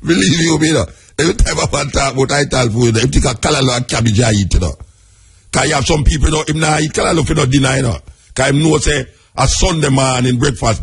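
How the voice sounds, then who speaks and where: A Jamaican man with a husky voice, talking in Patois as a radio host, conversational and emphatic, repeating his points. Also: mid-range voice. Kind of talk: radio talk commentary in Patois.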